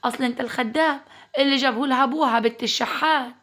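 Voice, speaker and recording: A resentful, sharp-tongued mother snaps her biting remarks in a spoken family story, with a woman storyteller doing her. Her speech is pitched high and pointed. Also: rapid-fire. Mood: spiteful. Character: spiteful middle-aged mother, sharp-tongued.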